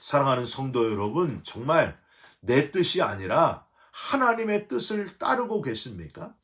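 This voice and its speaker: A middle-aged man, a pastor, preaching a dawn service sermon in a church with animated storytelling. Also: mid-range voice, unhurried. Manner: animated storytelling, acting out quoted voices.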